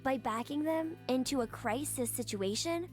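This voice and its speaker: A woman playing a perceptive, earnest heroine in a video game, speaking in a deliberate, explanatory way. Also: high-pitched, lively intonation, darkish tone, faint music behind. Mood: dawning realisation. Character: perceptive, earnest woman piecing together a dark mystery.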